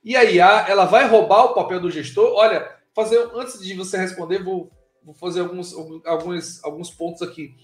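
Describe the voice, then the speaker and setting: A higher-pitched man from Bahia hosts a live online chat, speaking. He talks in a relaxed, informal way, with plenty of filler words. His voice carries a noticeable room echo. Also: moderate pace, few pauses, faint music behind. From Bahia, Brazil. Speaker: live show host. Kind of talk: casual live interview.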